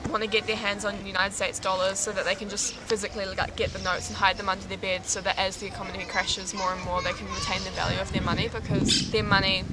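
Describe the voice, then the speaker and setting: A woman's voice: medium pitch, flat delivery, fast talker, few pauses. A young woman with a New Zealand accent, a volunteer talking earnestly and chattily to camera, often saying "like.". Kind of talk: casual talk to camera. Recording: loud noise behind the voice.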